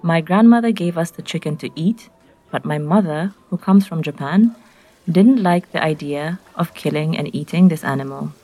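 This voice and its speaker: A woman from Nairobi with a Kenyan accent, narrating a scripted personal story in clear, simple short sentences. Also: deep voice, normal speed, mellow.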